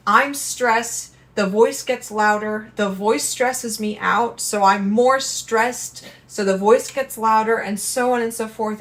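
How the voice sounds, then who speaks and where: A woman's voice: medium pitch, fairly bright tone. A woman hosting a lifestyle channel, talking earnestly and conversationally about handling stress and speaking straight to her viewers. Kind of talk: casual advice talk to camera.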